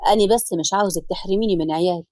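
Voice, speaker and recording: A woman's voice: on the low side, very fast, mellow, dry recording, lightly acted. A woman voicing a remorseful elderly grandfather, contrite and pleading.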